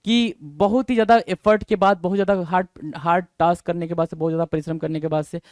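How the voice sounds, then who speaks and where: High pitched guy teaching vocab, keeps repeating words and quizzing, dry close sound. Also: steady tone, quick pace, no room sound. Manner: drills words, repeats and spells them out, asks students questions. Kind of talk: exam-prep lesson.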